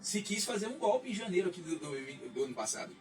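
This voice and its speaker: In a radio studio, a male guest in his forties holds forth on politics, reflective and lecturing, repeatedly restarting his thoughts. His voice is high, sing-song, and fast. The background is noisy, the mic distant, and faint music runs underneath.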